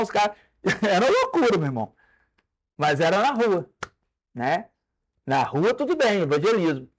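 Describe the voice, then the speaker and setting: A Brazilian man preaching a sermon to his congregation, conversational and animated, with jokes and stage demonstrations. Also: a little high. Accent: Brazilian Portuguese.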